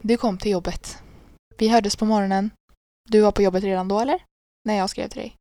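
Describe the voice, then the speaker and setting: A young woman co-hosting a casual chat podcast, playful and teasing, jumping in with quick questions. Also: medium pitch, fairly even intonation, loud music behind the voice. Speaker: podcast co-host.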